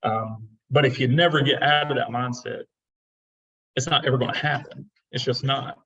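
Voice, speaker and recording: A man's voice: mid-range voice, steady tone, moderate pace, pushed and bright, recorded from a distance, lo-fi sound. A middle-aged man who works as a real estate investor, giving casual, encouraging advice and often repeating his words.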